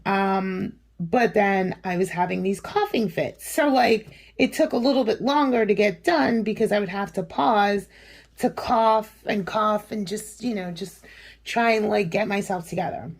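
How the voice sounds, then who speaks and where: A woman's voice: medium pitch, measured pace. A woman in her forties telling a long personal story in a casual chat, rambling with many fillers and frequent laughs. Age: 40s. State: recovering from a cough and sore throat. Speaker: vlogger.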